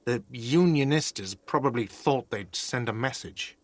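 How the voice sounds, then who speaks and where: A man's voice: mid-range voice, a little slow, no room sound, natural voice. An actor voicing a whiny, irritable male cafeteria manager in a video game who talks defensively.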